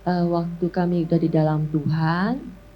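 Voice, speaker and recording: A woman's voice: fairly low pitch, steady tone, moderate pace, muffled recording, faint music behind. A woman telling her personal church testimony in casual conversation, often addressing the host as "Pak". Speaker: talk show guest.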